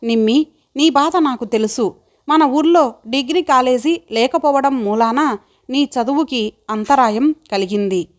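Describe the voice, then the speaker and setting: A woman's voice: high-pitched, a little slow. A woman voicing a caring young woman who speaks affectionately and coaxingly to her close friend.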